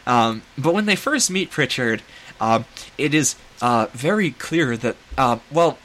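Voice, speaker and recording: A man's voice: mid-range voice, expressive, a little slow, a bit bright. A man hosting a movie podcast, rambling and self-deprecating as he recaps a horror film. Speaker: podcast host.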